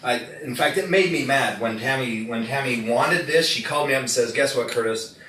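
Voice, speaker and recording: A man's voice: mid-range voice, brisk, fairly bright tone. Middle-aged male presenter, jokey storyteller, live demo, distant roomy mic with faint noise. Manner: storytelling, jokey, asks the audience questions. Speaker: product presenter. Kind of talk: live product demonstration to an audience. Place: room with a live audience.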